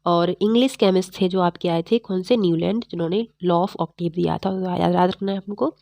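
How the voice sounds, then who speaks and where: A woman teaching chemistry in a fast, repetitive exam-prep lecture, slightly unwell. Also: on the low side, fairly even intonation, creaky, mellow, no room sound. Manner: fast-talking, repetitive quizzing of students.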